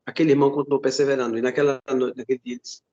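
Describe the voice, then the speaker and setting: A Brazilian pastor preaches a sermon that retells a testimony, fervent and repetitive, repeatedly addressing his listeners as brothers. His mid-range voice is steady and mellow but racing, with the highs cut off.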